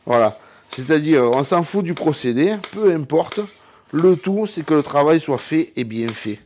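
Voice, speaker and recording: A man with a southern French accent and a slightly high voice talks through his cooking in a loose, rambling way. He speaks straight to the viewer, jokes at his own expense and fills every pause with "voilà". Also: animated, darkish tone, slight background noise. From Cévennes, southern France. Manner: chatty and rambling, says "voilà" constantly. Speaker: home cook and hunter. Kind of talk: casual cooking vlog.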